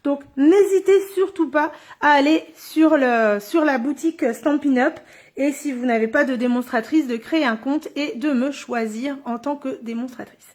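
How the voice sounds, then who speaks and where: High-voiced chatty woman crafting live. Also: normal speed, darkish tone. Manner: chatty, thinks aloud while working. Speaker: card-making demonstrator. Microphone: phone or camera on a stand.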